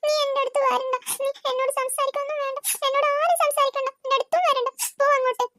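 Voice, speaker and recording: A woman's voice: extremely high pitch, little pitch movement, quick pace, bright, forceful tone, no room sound. A woman voicing a touchy young cartoon girl who sulks and accuses others of mocking her. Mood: sulking. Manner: accusing, sulking, repeating herself. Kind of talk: cartoon voice acting.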